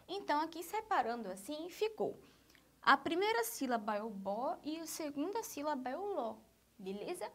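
A woman with a Brazilian accent teaches small children. Her voice sits high and swoops up and down with a sing-song lilt, and she keeps checking that they follow along. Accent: Brazilian Portuguese. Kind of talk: online lesson for young children.

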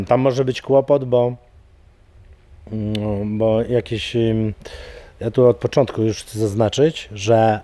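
A man's voice: on the low side, warm tone, no echo. A middle-aged man, an MMA coach, talking casually in an interview, rambling with many fillers and repeated words. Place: studio with banner backdrop.

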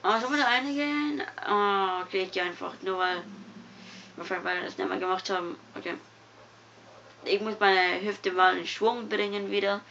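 A young woman gives loose, giggly commentary while she plays, drifting from low mutters to sudden squeals. Her voice sits at a middling pitch. The recording sounds dull and lo-fi, with faint noise underneath. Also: moderate pace. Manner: excitable, giggly, swings from mumbling to loud yelps. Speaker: gamer. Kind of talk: casual game commentary.

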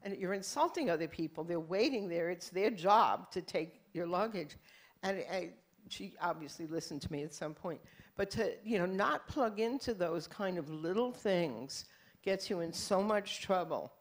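Female moderator, lower voice, chatty anecdotal delivery. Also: lively intonation, normal speed. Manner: conversational storytelling. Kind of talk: panel discussion.

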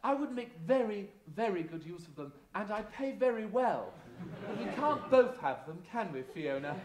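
A man's voice: high-pitched, big pitch swings. A man playing a flamboyant, boastful tooth fairy godmother as a pantomime dame, theatrical and grandiose, with a sinister edge. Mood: sly, teasing. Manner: theatrical, grandiose, drawn-out delivery. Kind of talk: live stage pantomime monologue with audience banter. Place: large theatre stage, indoors. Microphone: distant camera in the audience. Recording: echoey noisy theatre recorded from the audience.

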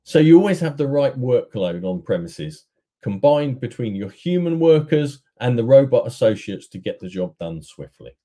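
A middle-aged man giving a steady, rehearsed sales presentation at an online conference, talking to his webcam from an indoor room. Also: medium pitch, normal speed. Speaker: business development manager.

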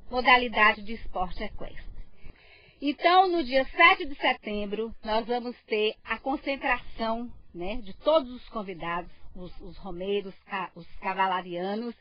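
A middle-aged Brazilian woman, an event coordinator, speaking haltingly in an outdoor interview. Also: fairly high pitch. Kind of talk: interview statement. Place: outdoors on a farm. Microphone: handheld reporter microphone. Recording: dull TV field audio.

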